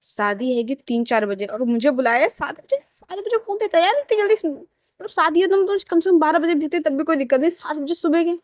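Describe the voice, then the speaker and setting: A woman's voice: high-pitched, takes it slowly, dry recording. A woman voicing a flustered, sulky young man who grumbles and mutters to himself. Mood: grumbling.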